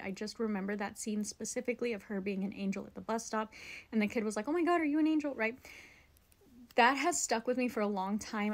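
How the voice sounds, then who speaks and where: A young woman hosting a spiritual show, talking casually and rambling, with lots of "like" and "right?" and some casual swearing. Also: mid-range voice. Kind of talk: casual spiritual talk to camera.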